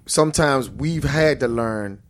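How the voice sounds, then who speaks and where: A man in casual chat who explains things in a measured, steady way. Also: mid-range voice.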